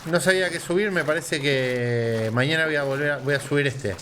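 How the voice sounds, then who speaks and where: A man's voice: on the high side, fast, background noise. A man with an Argentine accent giving casual, slangy, sweary commentary while he plays a video game. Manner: slangy, profane. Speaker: gamer. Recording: game music and sound behind the voice.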